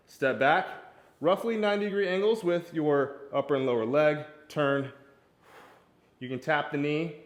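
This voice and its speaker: A man coaching golf fitness, demonstrating exercises while talking casually and encouragingly in a hot home garage, a little out of breath. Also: medium pitch. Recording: echoey garage.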